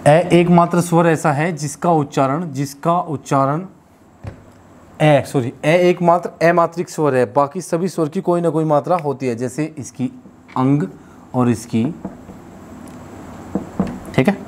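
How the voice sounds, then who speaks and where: A man's voice: a little high, a little slow, pauses often, a little hiss or hum. A man teaching a lesson, explaining step by step, repeating key terms and correcting himself along the way. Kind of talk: classroom lesson.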